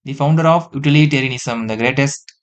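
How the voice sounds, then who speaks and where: A man, teaching an exam-prep lesson, reading multiple-choice questions and repeating each answer slowly, often dropping into quieter asides. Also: mid-range voice, dull audio.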